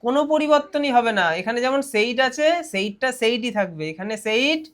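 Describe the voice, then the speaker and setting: A man's voice: extremely high pitch, fairly bright tone. Bengali-accented male teacher explaining grammar. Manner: reads English phrases slowly, then explains briskly with rhetorical questions. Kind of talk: classroom lesson explaining English grammar.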